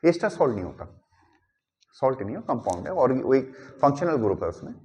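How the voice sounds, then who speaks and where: With a mellow, medium-pitched voice full of big pitch swings, a male chemistry teacher works through a lesson. He constantly checks comprehension with rapid questions and drops English phrases as he teaches.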